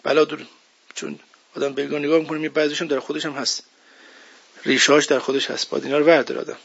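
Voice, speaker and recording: Gravelly-voiced man preaching a sermon. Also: a little high, flat delivery, a bit bright. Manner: emphatic, conversational preaching with rhetorical questions. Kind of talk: religious sermon. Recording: dull lo-fi recording.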